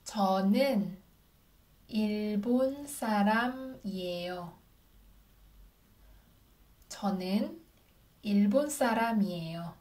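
A young woman teaching a language, saying short model phrases slowly and clearly for learners to repeat, recorded in a small room on a desk camera. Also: medium pitch, darkish tone. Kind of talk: slow, clearly articulated lesson drills.

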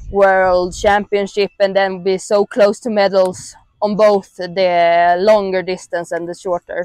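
A young woman with a Swedish accent answers interview questions in a relaxed, halting way, leaning on fillers as she talks. She is outdoors in a mountain meadow, and her lapel mic gives a dry, close sound with no reverb. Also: fairly low pitch. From Sweden. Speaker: athlete interviewee.

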